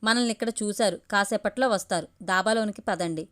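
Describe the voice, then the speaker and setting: A woman's voice: mid-range voice, a bit bright, close to an everyday voice. A woman reading the lines of a polite, watchful young man who takes charge, in a storybook reading. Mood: courteous. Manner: courteous, brisk and in control.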